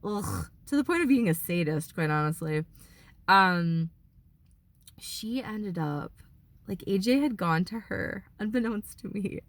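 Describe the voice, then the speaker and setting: A woman vlogging from her car in a casual, rambling monologue, swearing freely, filling every pause with "like" and slipping into heated rants. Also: mid-range voice, animated, no room sound. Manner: rambling and profane, heavy use of "like"; heated ranting. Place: inside a car.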